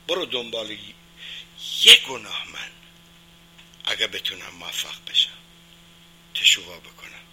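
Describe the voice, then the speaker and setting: A man's voice: mid-range voice, bright, forceful tone, slightly rough, low-quality recording. A man teaching a religious class, putting questions to his listeners and answering them emphatically.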